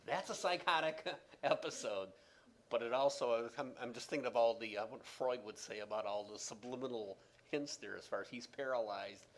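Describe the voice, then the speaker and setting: A man giving a classroom lecture on respiratory therapy, rambling with many fillers and restarts, loud and quiet by turns, trailing off at the ends of sentences. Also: fairly low pitch, slight background noise.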